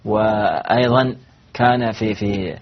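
A man teaches a religious lesson to a group of students, and his voice is low and husky. He talks quickly, asks questions and answers them himself, and often stops and restarts. The recording sounds dull and lo-fi. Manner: halting, with repeated false starts. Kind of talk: lecture to students.

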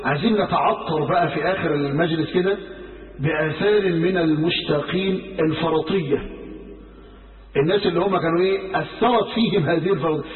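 A man with an Egyptian Arabic accent preaching a sermon, telling stories in a lively way and acting out the quoted speech. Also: a little high, fast. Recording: roomy hall from far off, phone-like sound.

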